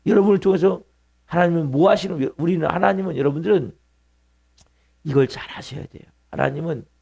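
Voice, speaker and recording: Gravelly-voiced pastor preaching a sermon. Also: male voice, fairly high pitch, darkish tone. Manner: preaching with emphatic repetition and questions to the congregation. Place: church sanctuary.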